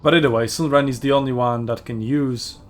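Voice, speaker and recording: A man's voice: mid-range voice, steady tone, fairly quick. Man chatting through gameplay commentary. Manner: rambling, self-correcting, chatty with fillers. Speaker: gaming video host.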